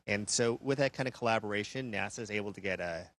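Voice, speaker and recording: Guy astronaut on a space station q&a link, kinda low voice, explains stuff in a measured way. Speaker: astronaut answering questions. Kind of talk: live question-and-answer downlink from a space station.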